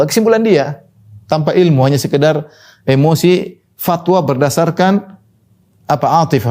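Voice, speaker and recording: Male preacher, animated scolding sermon, warm mellow tone. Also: a little high. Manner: lively, scolding, mixes Arabic quotations.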